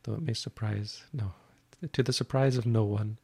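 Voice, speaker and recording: Low, flat-voiced, gravelly monk. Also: male voice, normal speed, no room sound. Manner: frank and matter-of-fact, with dry self-deprecating humour. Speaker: Buddhist monk teacher. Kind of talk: live question-and-answer session.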